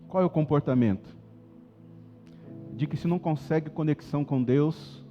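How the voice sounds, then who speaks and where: Brazilian male pastor, high-pitched, animated sermon delivery, long church reverb. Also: muffled recording. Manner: animated, swings from soft to loud and emphatic. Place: church auditorium.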